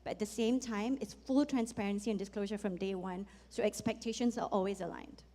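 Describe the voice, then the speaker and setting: A woman's voice: medium pitch, fairly even intonation, fairly quick, dark tone. Founder lady chatting on a panel in a big echoey hall, straight-talking. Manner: frank, conversational. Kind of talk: panel discussion. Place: conference hall. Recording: long reverb in a conference hall.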